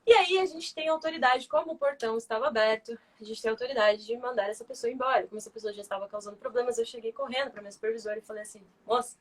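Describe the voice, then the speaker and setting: A young woman talks quickly, in a high voice, through her lively stories. She acts out the people she quotes. It is a relaxed, casual chat. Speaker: former flight attendant, guest.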